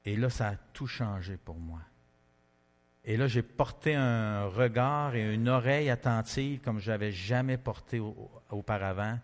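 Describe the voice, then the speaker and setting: A man with a Québécois French accent preaching a testimony sermon, telling his story in a lively, conversational way with many fillers. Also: fairly low pitch, unhurried, in a large hall. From Quebec.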